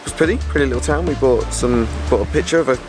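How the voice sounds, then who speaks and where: A man's voice: mid-range voice, fast talker, over music. A man chatting casually on a travel vlog, laughing at himself, filmed outdoors and in a car. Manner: chatty, self-mocking, laughs often. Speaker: vlogger.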